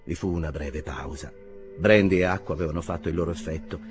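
A man narrating a classic novel aloud in a theatrical, expressive reading. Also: extremely low pitch, fast, soft background music. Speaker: audiobook narrator. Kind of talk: scripted narration, literary reading.

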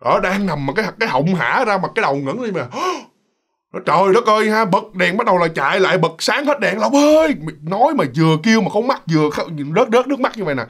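A man's voice: sits high, expressive, fast, hardly any pauses, fairly bright tone. A man telling a ghost story in a chatty, casual way, speaking straight to his listeners. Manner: chatty, addresses listeners directly, many fillers.

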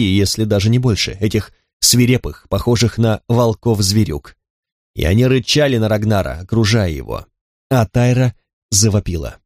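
A man narrating a novel in the first person, with steady, even storytelling. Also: on the low side, no echo, studio quality. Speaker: audiobook narrator.

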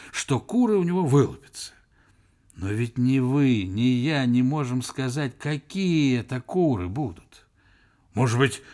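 A man reading the part of an irritable, scornful male zoology professor who fires off sharp, angry questions. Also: fairly high pitch, voice pushed up, close to an everyday voice.

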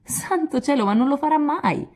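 A woman's voice: high voice, moderate pace, voice pushed up. A woman reading aloud, voicing a spirited young woman who coaxes and teases a friend. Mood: coaxing. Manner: coaxing, lively.

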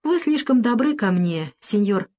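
A woman reading as a shy young girl, modest and imploring, her pleas pitched a touch higher. An audiobook character read in a plain storytelling voice. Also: animated, unhurried, a little mellow, lightly acted. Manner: timid, imploring.

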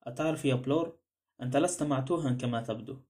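A man's voice: medium pitch, fast, a little mellow, close to an everyday voice. A man voicing a cool, sardonic male adventurer in an audiobook drama, speaking with dry composure.

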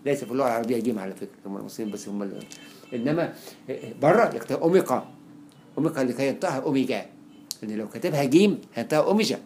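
Man, Egyptian accent, classroom lecture, rapid delivery, repeats examples, faint background ambience. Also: medium pitch, lively intonation, a little mellow, a little hiss or hum. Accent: Egyptian Arabic. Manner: explains quickly with many examples, repeats words to stress them. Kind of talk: classroom lecture on Arabic spelling.

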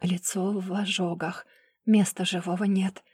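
A tense young investigator speaks low and hushed, as a woman reading the story voices her. Her voice is quiet and recorded dry and close for an audiobook. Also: measured pace, breathy edge, no echo. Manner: hushed, then accusing. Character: tense young female investigator who sees ghosts.

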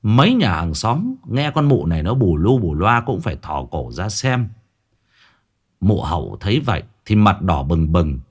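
A man narrating a ghost story in a vivid, lively way. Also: low-pitched, normal speed, breathy edge.

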